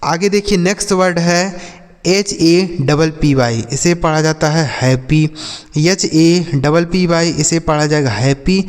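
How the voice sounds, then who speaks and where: A man teaching English words in Hindi, spelling each letter and repeating each example sentence slowly, often checking in with viewers. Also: a little high, clean tone. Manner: addresses viewers as friends, frequent okay checks. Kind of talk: slow spelling-and-meaning lesson. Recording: reverberant room.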